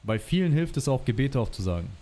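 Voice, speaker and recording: A man's voice: medium pitch, sing-song, fast, mellow. A man talking as a guest in a casual livestream chat, telling long personal stories in slangy, chatty speech and calling the host brother.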